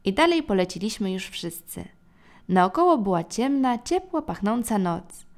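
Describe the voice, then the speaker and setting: A woman narrating a children's storybook in a gentle, expressive way. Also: mid-range voice, normal speed. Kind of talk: storybook reading.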